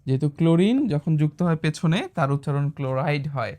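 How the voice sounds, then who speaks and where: A man with a Bangladeshi Bengali accent teaches a chemistry class for an admission exam. He asks the students questions and repeats key terms slowly. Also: a little high, fairly even intonation, mellow.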